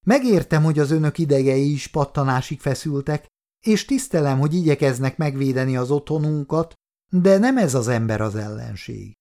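A woman's voice: sits low, animated, mellow, pitched above the performer's own voice. A male reader voicing a brave, exhausted young female nurse who speaks up with passion. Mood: pleading. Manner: impassioned, pleading. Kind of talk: audiobook dialogue.

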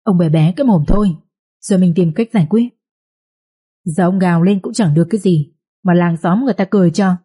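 A woman's voice: lowish voice, a little fast, warm tone, breathy edge. Woman voicing a wailing, frightened village mother. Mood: fearful. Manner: wailing, fretful.

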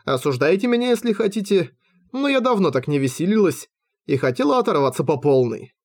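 A man reading a fantasy audiobook in the first person, with lively, wry storytelling. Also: a little high, fairly quick. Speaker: audiobook reader.

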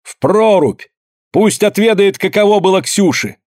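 Guy putting on a high wailing peasant woman, furious and grieving, dry close sound. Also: expressive, moderate pace, no echo. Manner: wailing folk lament, shrill shouting.

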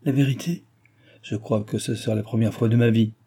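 A pert young courtier woman, read by a man with quick, teasing replies. The husky, dark voice lifts above his narration. It is from a storybook reading. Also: lowish voice, steady tone.

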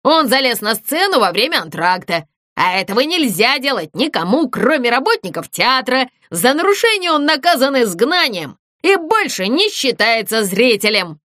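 A woman's voice: a little high, big pitch swings, moderate pace, hardly any pauses, pushed and bright, no room sound, clean studio sound. A woman voicing a sneering, rule-obsessed ghost in a storybook, mocking and gloating with giggles.

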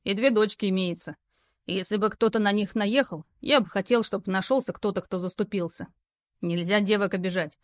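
A woman voicing a gruff, burly male courier who talks curtly and in rough slang. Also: mid-range voice, fairly quick, dry recording, studio quality, natural voice. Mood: gruffly kind.

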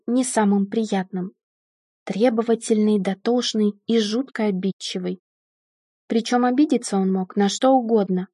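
A woman reading a novel aloud in the first person, telling it in a measured, wry way. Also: on the high side, mellow, no room sound, clean studio sound. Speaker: audiobook narrator.

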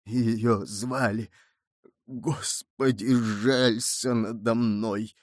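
A dying, guilt-ridden executioner, played by a male reader, begs for absolution in a faint, desperate voice. He pleads very slowly, with each phrase strained. The sound is dry and close, audiobook-style. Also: mid-range voice, darkish tone, no echo, natural voice. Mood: pleading. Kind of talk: audiobook character reading.

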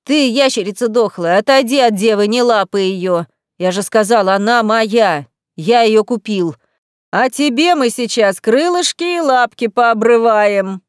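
A brutish male estate owner barks and jeers at his captives in a coarse, loud voice, as a woman reading the story puts him on. He sounds boorish and cruel. The audiobook recording is dry and close. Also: mid-range voice, expressive, moderate pace, clear, resonant tone, dry recording, lightly acted. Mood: angry.

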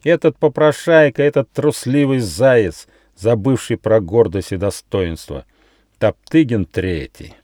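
A man voicing a proud, bitter female wild dog held captive, speaking slowly and with heavy emphasis. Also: sits low, expressive, mellow, no echo, clean studio sound. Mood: scornful. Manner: scornful, slow and emphatic.

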